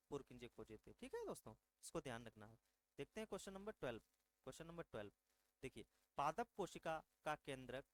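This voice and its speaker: A man's voice: a little high, low-quality recording. A man teaching an exam-prep science lesson, quizzing his viewers and answering each question himself. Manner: drills facts with reminders to memorise them.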